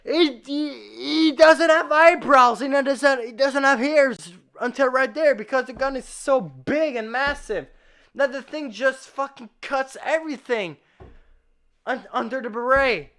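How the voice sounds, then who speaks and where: A drunk livestream host rambling and swearing through casual commentary, getting drunker and prone to excitable shouting. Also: sits high, unhurried.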